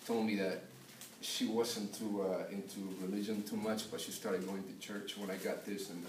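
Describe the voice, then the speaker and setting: Speaking from a distance in an echoey, faintly humming classroom, a young Peruvian-raised student tells a personal story for an assignment and pauses a lot on fillers. His voice is somewhat low, steady and darkish.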